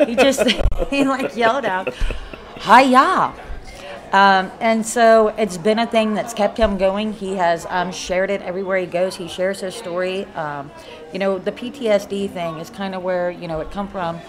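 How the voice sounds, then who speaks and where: A middle-aged woman with a Kentucky accent, a guest paranormal investigator, rambles casually in a live interview chat at a haunted hotel event, using plenty of fillers and restarts. Her mid-range voice is steady, a little mellow, and at normal speed, with crowd chatter in the background of the live recording.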